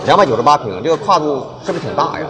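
A man's voice: on the high side, big pitch swings, rapid-fire, crowd noise. A man hosting a casual business interview, asking questions and summing up as presenter. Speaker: interviewer and host. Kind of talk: casual business interview with a closing narrated summary.

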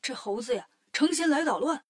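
A woman voicing a hot-tempered middle-aged male heavenly king in a children's story, speaking loudly and indignantly. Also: fairly high pitch, brisk, lightly acted. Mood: angry.

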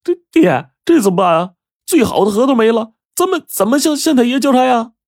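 A man's voice: very high voice, animated, a little fast, a little mellow, voice pushed up, full character voice. A man voicing a frightened young master who stammers frantically. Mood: panicky. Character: young master, panicky and tearful.

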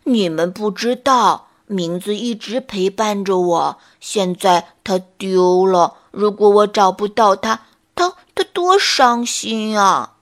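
A woman voicing a clumsy, worried young male bear in a bedtime story, speaking slowly and haltingly. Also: mid-range voice, voice pushed down. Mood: anxious. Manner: slow, halting and fretful.

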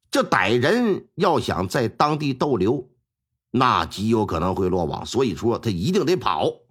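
A male storyteller voicing a shrewd official advisor who lays out his reasoning in a very low, measured, slightly husky voice. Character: shrewd middle-aged advisor, calm and reasoning.

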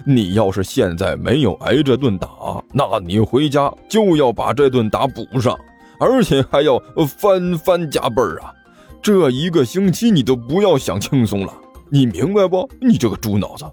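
A man voicing a bruised, grumpy older brother who scolds and stammers, with soft music behind. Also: mid-range voice, big pitch swings, moderate pace, slightly rough. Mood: scolding. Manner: scolding, exasperated, stammering when flustered.

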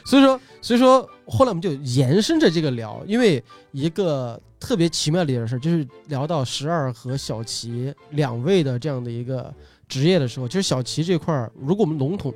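A man's voice: fairly high pitch, expressive, a little fast, a little mellow, soft background music. A man hosting a casual chat and introducing his guests in a talkative way, often repeating short phrases. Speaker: host, video uploader and magician.

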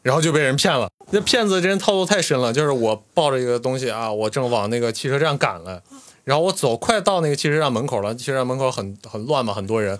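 A man's voice: medium pitch, fast talker. A man in casual chat telling a funny work story, acting out the people in it and laughing as he goes. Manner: animated storyteller, acts out quoted voices, laughs while telling. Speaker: stand-up comic guest.

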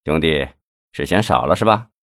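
A man reading the part of a scheming middle-aged male official, speaking low and conspiratorially. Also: expressive, moderate pace, fairly bright tone, dry recording, studio quality, exaggerated voice. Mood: hushed scheming.

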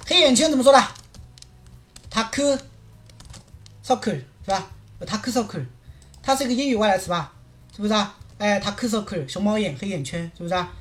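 A woman teaching in a livestream lesson, lively and full of rhetorical checks with her viewers. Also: medium pitch, racing, pauses often. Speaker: Korean language teacher.

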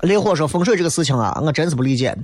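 A male host chats casually through listener messages. He is blunt and teasing in his everyday phrasing. Loud guitar music plays behind him throughout. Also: on the high side, animated, very fast. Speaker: host of an audio show.

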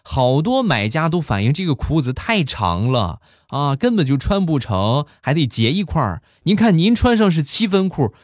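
A man voicing a gushing online shop seller who showers the buyer with exaggerated, sugary flattery. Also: deep voice, moderate pace, hardly any pauses, dry recording, clean studio sound, pitched above the performer's own voice.

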